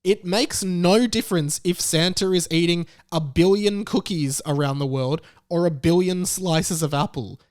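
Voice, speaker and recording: On YouTube, a young man with an Australian accent delivers a comically outraged, exasperated rant on a news item. He speaks high-pitched and unhurried with few pauses in a darkish tone, captured in a dry, studio-quality recording.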